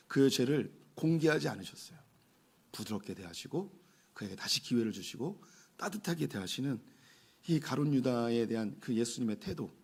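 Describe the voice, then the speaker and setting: A middle-aged male pastor delivers a sermon in a church sanctuary. His voice is husky, and he sits at a middle pitch for a man. He tells stories between points and keeps slipping in short affirming asides. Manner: warm storytelling with frequent "예" asides.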